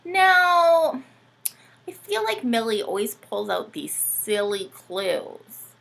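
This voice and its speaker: A woman with a fairly high voice and vocal fry talks slowly while presenting a playful storytime for kids. Joined by a puppet sidekick, she reads aloud animatedly and keeps posing questions to her young listeners.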